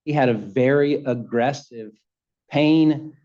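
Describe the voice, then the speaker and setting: A man arguing a case as an attorney before appellate judges, speaking quickly and emphatically with frequent restarts. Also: mid-range voice, lo-fi sound. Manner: rapid, emphatic, repeats words on restarts. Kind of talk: appellate oral argument. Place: courtroom.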